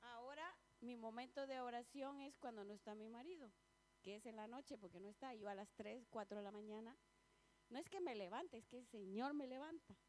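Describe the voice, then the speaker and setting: A woman preaches in a church, in a high voice. She talks in a chatty, personal way and keeps asking the congregation questions. A faint hum sits under the recording. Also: brisk, darkish tone. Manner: laughs often between points. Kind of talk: sermon.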